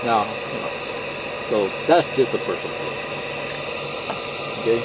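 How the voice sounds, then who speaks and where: Here the same CB radio how-to presenter speaks in a lowish voice at a moderate pace, still casual, unscripted, folksy and reassuring. He keeps tossing in small check-ins such as "okay," with CB static hiss, hum and plenty of noise behind him.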